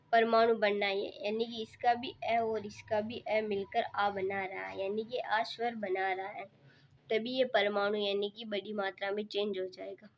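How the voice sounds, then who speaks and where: A woman teaching a grammar lesson for exam preparation, explaining each step patiently and repeating herself. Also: a little hiss or hum. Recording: muffled low-fidelity recording.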